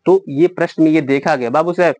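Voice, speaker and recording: A man leads a math class, walking through each step and stopping to quiz his students. His voice sits high. The sound is dry and close, with no room echo. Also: fairly quick, a little mellow. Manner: explains step by step, quizzes students. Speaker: math teacher. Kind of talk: classroom lesson.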